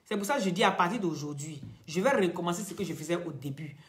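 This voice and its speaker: A woman's voice: lowish voice, expressive, quick pace. Woman on a live, lecturing her followers hard, roomy echo. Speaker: social media live-stream host. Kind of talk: live video talk to followers.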